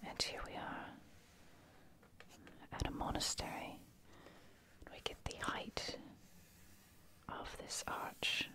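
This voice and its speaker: An ASMR host in a croaky, soft unvoiced whisper, musing over paintings while paging through a book and reading passages aloud.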